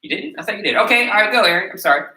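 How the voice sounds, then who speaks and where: A man's voice: sits high, expressive, racing, pushed and bright. A martial arts instructor explaining sparring rules to his students, emphatic and checking in with "okay?". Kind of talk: teaching a class of students. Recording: roomy and distant from the mic.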